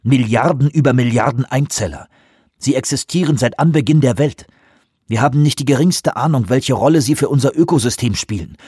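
Defiant male scientist, heated and accusing, husky voice, dry close recording, voiced by a narrator. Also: medium pitch, a little fast, a little mellow, dry recording, voice pushed up, close to an everyday voice.

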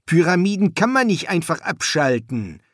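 An earnest young architect's son, as the audiobook narrator puts him on. His voice sits well above the narrator's own, lively and explanatory, in a dry close recording. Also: high voice, moderate pace, dry recording, pitched above the performer's own voice, full character voice. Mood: patient. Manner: matter-of-fact, explaining.

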